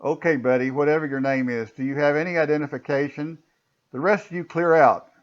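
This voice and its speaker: Wary cop who gives firm orders, read by a man; voice on the high side, lo-fi. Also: steady tone, a little fast, close to an everyday voice. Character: wary, by-the-book male police officer.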